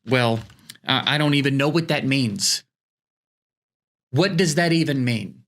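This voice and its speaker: A man's voice: medium pitch, unhurried, a bit bright. A man hosting a comedy show, reading fake tweets aloud in a bemused way with stammering restarts.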